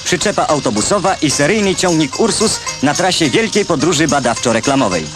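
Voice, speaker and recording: A man's voice: a little high, expressive, fairly quick. A man narrating an old newsreel in a scripted, wry and ironic way, with music behind him. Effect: old newsreel recording.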